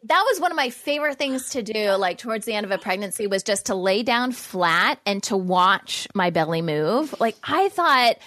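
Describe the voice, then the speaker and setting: A woman's voice: medium pitch, animated, moderate pace, hardly any pauses, a bit bright, dry recording, studio quality. A woman co-hosting a podcast in casual chat, chatty and often laughing. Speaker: podcast co-host.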